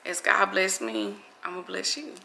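Bright-toned chatty woman vlogger. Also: on the low side, sing-song, unhurried, creaky, a little hiss or hum. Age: 40s. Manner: chatty, loose, preachy bursts of praise. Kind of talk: casual chat to camera.

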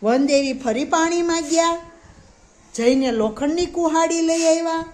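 A woman preschool teacher telling a story to young children, patient and slow, explaining harder words simply. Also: very high voice, a little mellow, poor audio.

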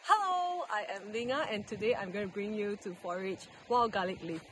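A young woman vlogs casually outdoors, chatting and explaining as she walks through woodland beside a stream. Her voice is medium in pitch and normal in speed, and it's recorded roughly on a handheld camera held at arm's length, with loud music over it.

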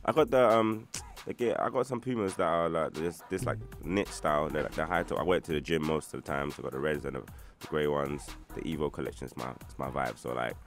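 Brief: very low-voiced young East London man, quick and laid-back, faint music under. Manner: laid-back storytelling with slang. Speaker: rapper guest. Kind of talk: casual interview chat.

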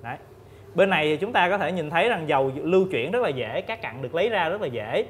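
Guy in his 30s, kinda high voice, explaining slow and careful w lots of uh pauses, lapel mic, faint hiss. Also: lively intonation. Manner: measured, explains step by step with many fillers. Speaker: lubricant expert guest. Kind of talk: explanatory panel talk. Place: indoor TV studio set.

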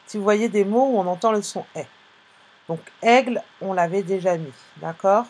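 A woman's medium-pitched voice with a darkish tone guides young children through phonics during a live online class. She goes slowly and clearly, spelling out each sound and letter with patience.

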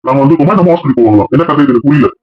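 A man voicing a stern, grumbling old grandfather in a family drama, scolding in a gruff, baffled way. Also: medium pitch, animated, very fast, dull audio, pitched below the performer's own voice, close to an everyday voice.

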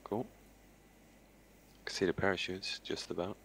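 A man's voice: sits low, steady tone, unhurried, creaky, a bit bright. A man speaking casually as a pilot in a military sim game, with occasional radio calls. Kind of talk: casual gaming chat with some radio calls. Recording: voice chat with faint background noise.

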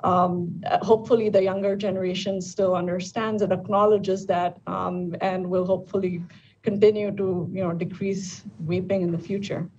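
A woman's voice: mid-range voice, little pitch movement, darkish tone. Woman doctor on a distant video call. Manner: measured, explanatory, frequent ums and uhs. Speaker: lung cancer oncologist. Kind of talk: live news interview by video call. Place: bright indoor room. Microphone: video call from home or office. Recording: distant, dull video-call audio with faint room noise.

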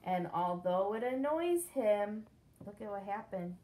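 A woman teacher in her thirties gives an expressive picture-book read-aloud, with simple explanations and questions aimed at young children. Her mid-range voice is mellow, with lively intonation and a measured pace, though the audio quality is poor. She's indoors in a small room against a brick-patterned wall.

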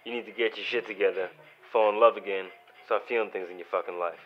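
A man in a short film, loudly mocking and scolding another. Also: lowish voice, takes it slowly, muffled recording.

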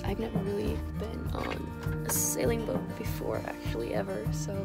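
A woman's voice: mid-range voice, wildly swooping pitch, normal speed, gravelly. A young woman chatting casually into her phone aboard a sailing boat, upbeat, with frequent fillers. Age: young adult. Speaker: vlogger. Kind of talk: casual travel vlog. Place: sailing boat, cabin and open deck. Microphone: phone at arm's length. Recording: music playing underneath.

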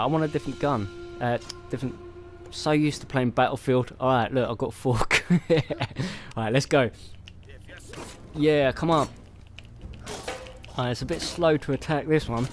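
A man plays a game alone, giving casual, chatty commentary while laughing and muttering to himself. His voice is medium-pitched, and faint game music plays behind him with slight background noise.

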